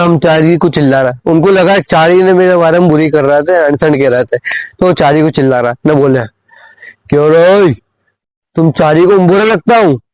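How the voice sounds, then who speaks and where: A man's voice: a little high, dry recording, rough recording. A young man telling a school story on a phone in a casual comic vlog, rambling with many fillers and repeated phrases. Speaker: vlogger.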